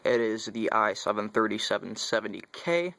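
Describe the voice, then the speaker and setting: A man's voice: on the low side, animated, normal speed, gravelly, a bit bright, no room sound. A young man chatting casually as he unboxes computer parts, rambling and correcting himself as he goes. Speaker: tech vlogger.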